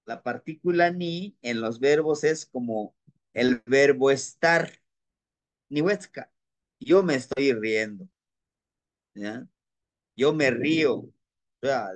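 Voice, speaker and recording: A man's voice: a little high, no echo. A man teaching a class, patient and repetitive, often checking in with his listeners. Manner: patient, repeats words and checks in with "¿no?". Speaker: language teacher. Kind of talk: online class lecture.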